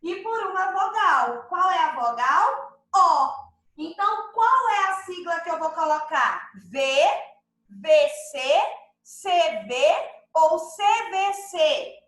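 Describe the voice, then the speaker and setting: A patient Brazilian primary school teacher, a woman with a high, bright voice, talks slowly to her young pupils. She keeps asking if they follow along and calls herself their aunt. Her voice rings a little in an echoey room. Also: lively intonation. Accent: Brazilian Portuguese. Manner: patient, checks understanding with the children often; refers to herself as "tia" to the kids. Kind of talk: remote lesson explaining a workbook exercise.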